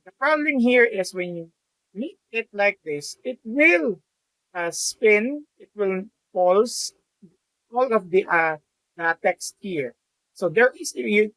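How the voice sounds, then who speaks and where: A man with a Filipino accent, a math teacher educator walking students through a software tutorial, explaining step by step with fillers and restarts. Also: sits high, no room sound, rough recording. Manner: explanatory, frequent fillers and restarts, mixes in Tagalog. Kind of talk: screen-recorded software tutorial.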